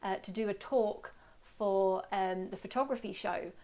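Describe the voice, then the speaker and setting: A British woman teaches a casual online webinar in a medium-pitched voice. She is chatty and self-deprecating, and her voice is slightly hoarse, as if starting to give out. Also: measured pace, mellow. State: voice giving out, slightly hoarse after a workshop. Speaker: webinar host and photography teacher.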